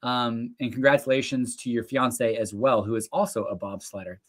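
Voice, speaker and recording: A man's voice: mid-range voice, steady tone, moderate pace, fairly bright tone. A middle-aged man from Northern Colorado hosting a live local news and real estate show, talking in a rambling, casual way with lots of fillers and restarts. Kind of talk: casual live-stream monologue.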